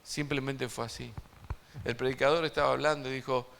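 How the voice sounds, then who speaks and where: Gravelly, forceful preacher man. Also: medium pitch, steady tone, a little fast, slight background noise. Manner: emphatic, swings between loud and hushed; asks the congregation direct questions. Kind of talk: evangelistic sermon. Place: church service before a congregation.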